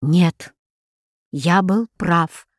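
A woman's voice: lowish voice, drawn-out words, no room sound, studio quality. A woman voicing an anguished defiant boy. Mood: bitter. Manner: pleading bitter outbursts.

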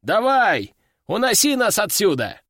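A man doing a barking, gruff army veteran. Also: high voice, sing-song, a little slow, fairly bright tone, no room sound, studio quality, pitched above the performer's own voice, exaggerated voice. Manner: barking orders, curses. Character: gruff, bossy male army veteran commander.

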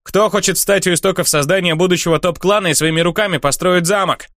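A man voicing a brash, loud young male herald player in an audiobook, cheeky and taunting, with rapid patter. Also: sits high, no echo, clean studio sound, pitched above the performer's own voice. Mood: shouting.

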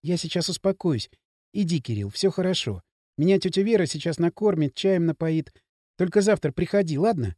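Man voicing tearful lonely young woman, pleading, warm dark tone. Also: a little high, expressive, moderate pace, no room sound, studio quality. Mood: calming.

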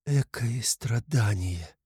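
A man's voice: medium pitch, expressive, a little slow, mellow, no echo, clean studio sound, voice pushed up. Man voicing a pleading desperate young woman. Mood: fervent pleading. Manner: impassioned, pleading, exclaiming.

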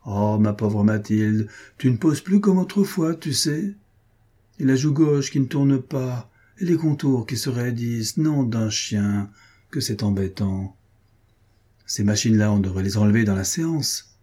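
A man's voice: mid-range voice, unhurried, dark tone, husky. A man voicing a grief-stricken male painter, obsessive and volatile, with a feverish, exclamatory way of speaking. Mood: fretful.

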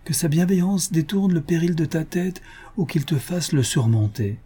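A man voicing a gentle, solemn, dying mother in an audiobook, speaking in a raised pitch. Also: expressive, moderate pace, slightly rough. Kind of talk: audiobook character reading.

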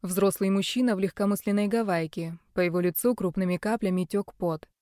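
A woman narrating an audiobook in a steady, expressive reading. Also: mid-range voice, fairly quick, no room sound, clean studio sound. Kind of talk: scripted narration.

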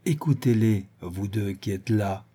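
A man's voice: lowish voice, a little slow, breathy edge. Vorski, a man putting on a ranting villain. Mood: grandiose. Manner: ranting, exalted, shouting insults. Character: brutal drunken male villain, grandiose and boastful.

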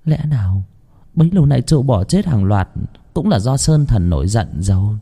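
A man voicing an anxious villager in a ghost story, asking questions in a hushed, worried tone. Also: medium pitch, very animated, moderate pace, slightly rough.

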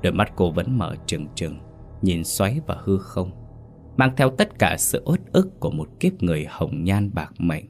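A man narrating a horror story with an intense, dramatic delivery. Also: low-pitched. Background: faint music.

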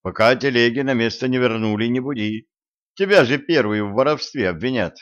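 A man's voice: mid-range voice, brisk, a bit bright, natural voice. A man voicing a pompous, hot-headed young royal gossip in a storybook, with haughty talk over dull lo-fi audio.

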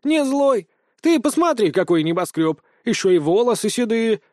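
A paranoid farmyard hen shrieks orders in a high, piercing voice, as a male narrator puts her on. She is bossy and suspicious of everyone, and her voice sits far above the reader's own. The audiobook sound is close and dry. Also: big pitch swings, moderate pace, darkish tone, no room sound. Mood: indignant. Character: shrill paranoid female hen guard. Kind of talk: audiobook character voice.

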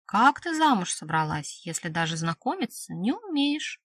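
A sly, teasing young woman, voiced by a woman reading a storybook, mocking her friend with a giggly, knowing tone. Her voice sits at a middling pitch, and the recording is dry and close. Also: big pitch swings, moderate pace, no room sound.

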